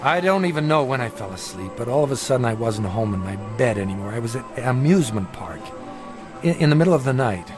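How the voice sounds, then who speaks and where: Over music, a man with a natural, medium-pitched voice and lively intonation speaks quickly, playing a troubled, earnest middle-aged dreamer in a radio drama. His confessional narration is intense, hesitant, and brooding, with a haunted, recounting mood.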